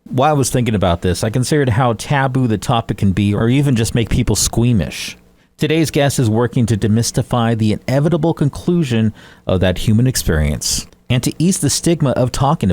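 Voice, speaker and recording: A man's voice: medium pitch, a little mellow. Eager male podcast host. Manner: eager, repeats phrases, stumbles over words. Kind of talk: interview hosting.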